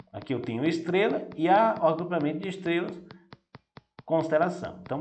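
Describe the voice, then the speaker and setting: A man teacher, patiently walking pupils through a grammar exercise and often checking they follow. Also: fairly high pitch. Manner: patient, repeats "vai dar o quê?" and "né?". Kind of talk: recorded classroom lesson walkthrough. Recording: echoey room with faint noise.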